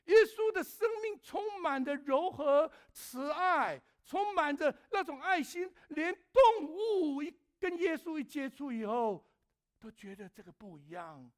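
A middle-aged male pastor with a high, bright voice that rises and falls in a very lively way. He preaches by telling animated personal stories, acting out his own shouts and turning to ask the congregation questions. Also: a little slow.

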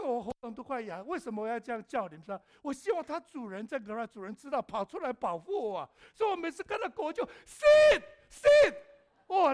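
A middle-aged male pastor with a high, bright voice that rises and falls in a very lively way. He preaches by telling animated personal stories, acting out his own shouts and turning to ask the congregation questions.

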